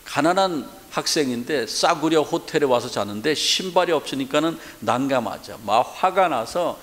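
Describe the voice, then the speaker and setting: A man's voice: a little high, lively intonation, moderate pace, fairly bright tone, long reverb tail. A man preaching a sermon as pastor, in an earnest tone. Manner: earnest preaching, acting out quoted prayers. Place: church sanctuary.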